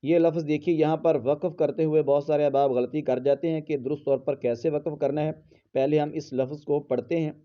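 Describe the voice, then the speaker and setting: A man teaching Quran pronunciation in a tajweed lesson, patiently spelling out letters and breaking into slow, drawn-out melodic recitation. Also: a little high, fairly even intonation, muffled recording.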